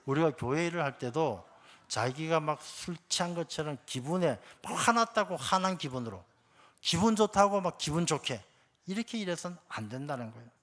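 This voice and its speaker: A male pastor delivering a sermon in a talky, direct way, often turning to the congregation. His voice sits a little high for a man, and he drives each point home by repeating it. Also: expressive, fairly quick, a bit bright. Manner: conversational, addresses the congregation directly; emphatic, repeats key points.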